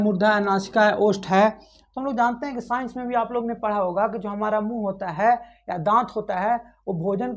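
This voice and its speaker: A woman teaching a grammar lesson, asking the class questions, answering them herself and repeating the key points. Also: mid-range voice.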